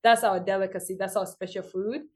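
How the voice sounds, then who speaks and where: A young Tanzanian-accented woman, a guest in a casual interview, tells stories in a lively, fairly quick, medium-pitched voice, acting out what other people said to her.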